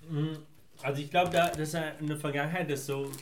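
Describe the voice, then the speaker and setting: A man's voice: a little high, steady tone, fast, a little hiss or hum. A man from Afghanistan, a founder answering interview questions in long, winding, reflective sentences. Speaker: guest, founder. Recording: roomy echo.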